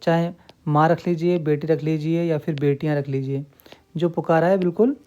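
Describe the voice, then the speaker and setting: Male teacher, mellow tone, dull lo-fi sound, repeats every rule and keeps checking that the class follows. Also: a little high, steady tone, normal speed. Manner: repeats key points, asks and answers own questions; checks in often with the listener. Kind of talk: grammar lesson.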